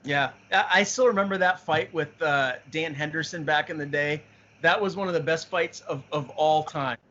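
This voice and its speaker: Male podcast co-host, keen sports talk, slightly high voice, dull lo-fi sound. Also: moderate pace, bright, forceful tone. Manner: enthusiastic, repeats words while thinking. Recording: muffled lo-fi audio.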